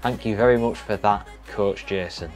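A man's voice: on the low side, moderate pace, faint music behind. A young British man casually reviewing gear to camera in a small room at home. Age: young adult. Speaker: trail running vlogger.

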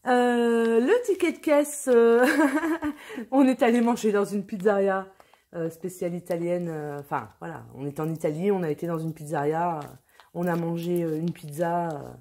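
A woman's voice: fairly low pitch, normal speed, warm tone. A middle-aged woman chatting casually on her vlog, rambling and full of fillers. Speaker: vlogger. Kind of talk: casual chat.

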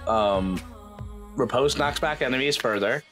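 A woman playing a video game with a friend, chatting casually and reading the game's text aloud. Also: unhurried. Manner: playful, reads game text aloud, lively pitch. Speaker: co-host playing a dating game. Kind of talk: casual let's play with narration reading. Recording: faint music behind.

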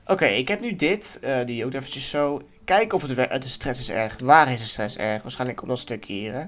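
A man giving casual let's-play commentary in a lively way, swearing now and then and yelling at near misses. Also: medium pitch, brisk. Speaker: gaming YouTuber.

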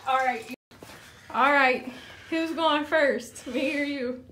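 A woman's voice: high-pitched, slow pace, a bit bright. A young woman chatting casually and playfully during a home challenge vlog. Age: young adult. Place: small tiled bathroom indoors. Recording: echoey bathroom, off-mic, noticeable noise.

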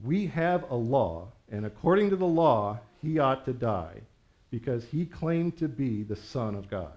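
A man reading aloud, voicing an angry crowd that shouts its demands in loud chants. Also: medium pitch, big pitch swings, a little slow, dull audio.

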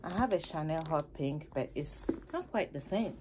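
A woman with a fairly low voice chats to her camera at home, animated and playful, showing off her things. A faint hum of room ambience sits behind her. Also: moderate pace. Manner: chatty and animated, with playful asides. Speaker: vlogger showing her handbags. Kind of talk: casual chat to camera.

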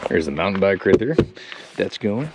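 A man's voice: deep voice, big pitch swings, moderate pace. Chill guy vlogging his road trip, talks to the camera like it's his buddies, cars going by in the background. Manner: laid-back, chatty, talks to viewers as "guys". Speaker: travel vlogger. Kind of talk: casual vlog narration. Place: outdoors and in vehicles on a road trip. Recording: outdoor recording with traffic noise.

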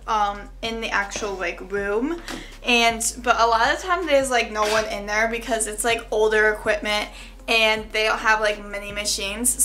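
Recording on a nearby phone or camera, a young woman in her dorm room and later a small campus gym chats loosely through a day-in-the-life vlog. Her slightly high voice sounds pushed and bright, and she laughs softly between frequent fillers such as "like" and "yeah."

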